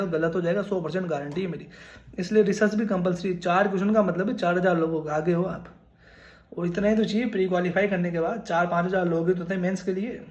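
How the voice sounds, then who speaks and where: This young man in his twenties, high-pitched with a darkish tone, records in an echoey room. His casual to-camera advice on preparing for a nursing exam is earnest and repetitive, and he calls his viewers "brother."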